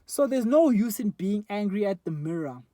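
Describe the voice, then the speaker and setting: With a high, sing-song, mellow voice at normal speed, a twenty-something South African man vlogs to his phone's front camera. He rambles candidly and reflectively, using plenty of fillers, and no room sound is audible.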